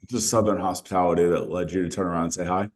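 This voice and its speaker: A man's voice: sits low, fairly even intonation, very fast. A young man co-hosting a podcast outdoors, teasing his friend and swearing casually in a wry chat. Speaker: podcast co-host.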